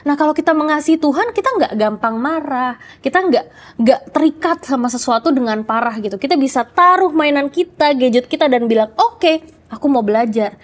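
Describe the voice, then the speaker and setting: An adult woman hosting a kids' program, answering children's questions in a lively, coaxing way and often checking in with "oke?". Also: high voice, brisk. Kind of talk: casual talk to children.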